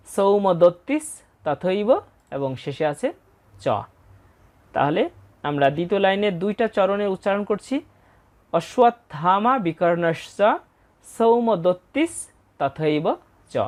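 A woman teaching scripture pronunciation, patiently breaking words into syllables and chanting verses slowly. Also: on the low side, darkish tone. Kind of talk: explanatory lesson with slow recitation.

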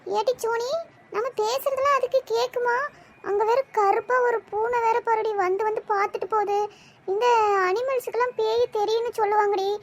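A woman's voice: extremely high pitch, steady tone, normal speed, a little hiss or hum. A woman voicing a nervous but bossy young village woman in a cartoon, scolding and fretful. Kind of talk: cartoon voice acting.

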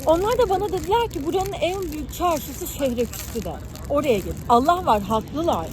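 A woman's voice: high-pitched, lively intonation, normal speed. A young woman from Ankara chatting casually and talkatively, explaining things with everyday examples like a student vlogger. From Ankara, Turkey. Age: young adult. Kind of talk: casual chat over a meal. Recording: noisy urban ambience with traffic.

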